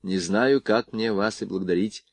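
Polite polish army captain read by a man, soft accent, dry sound. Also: on the low side, normal speed, dry recording. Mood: grateful. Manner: polite, eager.

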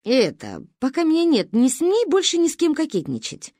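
Playful ribbing uncle from a storybook, voiced by a woman reader, lively and teasing. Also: fairly high pitch, normal speed, no room sound, voice pushed up. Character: teasing grown-up uncle, joking son.

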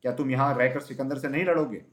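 A man's voice: mid-range voice, steady tone, quick pace, roomy sound, natural voice. A man voicing an earnest adult father urging his son in a storybook reading.

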